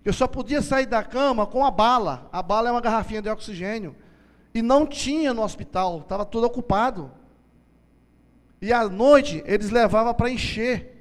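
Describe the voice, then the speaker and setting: A man's voice: very high-pitched, moderate pace. A man telling his testimony as a sermon, storytelling and acting out dialogue, speaking to the congregation as brothers. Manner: storytelling, acts out dialogue, addresses listeners as brothers. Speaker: church speaker giving testimony. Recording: long hall reverb.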